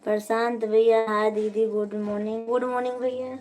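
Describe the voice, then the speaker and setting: A woman's voice: a little high, little pitch movement, moderate pace, a little mellow, slight background noise. A woman hosting a casual live stream from home, chatting and answering viewers' comments one by one.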